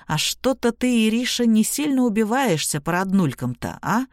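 A woman voicing a gruff male ex-convict who talks in a mocking, folksy drawl. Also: a little high, lively intonation, moderate pace, dry recording, studio quality, lightly acted. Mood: sly musing.

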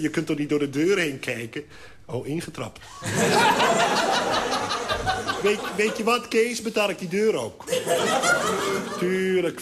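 Male actor: hungover comic caller, forgetful and chuckling, a touch high-pitched, on an old crackly record. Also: lightly acted. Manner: groggy, chuckling, sheepish on the phone. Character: groggy hungover man, sheepish and forgetful. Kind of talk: comic phone monologue.

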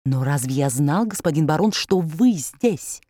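A woman's voice: low voice, animated, a little slow, warm tone, no room sound, voice pushed down. A woman voicing a sly male police spy with dry, shrugging understatement.

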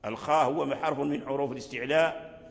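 An older man teaching a religious lesson, explaining a poem line by line in a measured way and repeating phrases for his students. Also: mid-range voice, steady tone, vocal fry. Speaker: Quran recitation teacher. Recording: echoey hall reverb.

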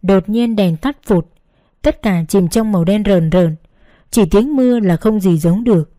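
A woman narrating an emotional first-person story in a slow, gentle, measured reading. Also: mid-range voice, no room sound. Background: faint background music.

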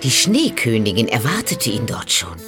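A woman reads a fairy tale aloud in a low voice with a lively, rising and falling pitch. She takes her time, and soft music plays faintly behind her. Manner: slow, dramatic storytelling, addressing the listener. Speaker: storyteller. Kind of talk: scripted fairy-tale narration.

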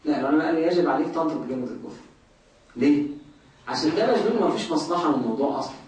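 A man's voice: a little high, animated, rapid-fire, a little mellow. A man with an Egyptian accent teaching a jurisprudence class, asking the class questions and answering them himself. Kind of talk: lecturing a class. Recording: very echoey room, voice from far off.

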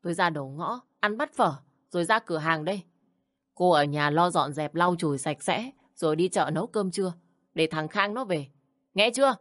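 A woman's voice: fairly low pitch, animated, normal speed, a bit bright, no room sound, studio quality. A woman voicing a bossy, contemptuous older mother-in-law who scolds and sneers. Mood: scolding.

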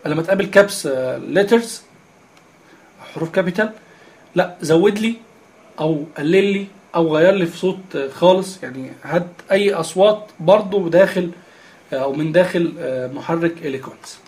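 A man's voice: on the high side, a little fast, a little mellow. A man with an Egyptian Arabic accent explaining a screen reader step by step, with many filler sounds. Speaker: instructor.

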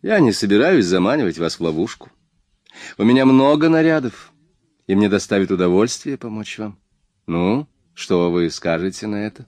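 A man reading the lines of a calm, bold young woman who teases and questions in an audiobook. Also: on the low side, moderate pace, no room sound, close to an everyday voice. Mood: playful.

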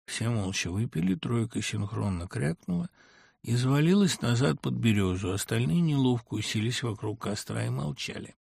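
A man reading a novel aloud as an audiobook narrator, expressive and acting out many characters. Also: mid-range voice, moderate pace, creaky, slightly rough, dry recording, clean studio sound.

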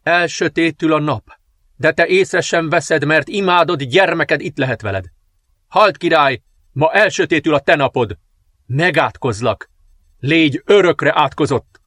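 A man's voice: fairly high pitch, fairly bright tone, dry recording, pitched above the performer's own voice. A ruthless sixteen-year-old princess of darkness, voiced by a man reading the book, issuing curses and orders in a raised, proclaiming voice. The voice sits well above the reader's own. It is a dry, close storybook recording with no room sound. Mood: menacing. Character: vengeful sixteen-year-old dark princess, cold, commanding. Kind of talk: audiobook character reading.

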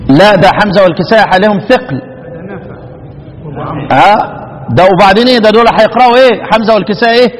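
Egyptian male teacher, high-pitched, quizzes students, chants lines slowly; echoey hall. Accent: Egyptian Arabic. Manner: asks the class questions, chants verses slowly. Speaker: Quran recitation teacher. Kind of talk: lesson explaining recitation variants. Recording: echoey room with long reverb.

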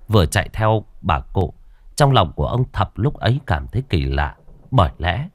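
A man reads a spooky story aloud in a low voice with a lively, swinging melody. The recording is close and dry, with no room sound. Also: no echo. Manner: expressive storytelling. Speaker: narrator. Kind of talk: scripted horror story narration.

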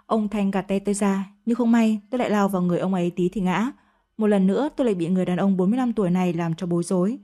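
A woman reads a dramatic audio story with a steady, even storytelling delivery. Her voice is mellow and warm in tone. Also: mid-range voice, rapid-fire. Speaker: narrator.

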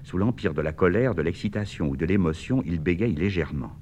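A man, the author, calmly reading the stage directions of his own play in quiet, measured narration. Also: deep voice, slight background noise.

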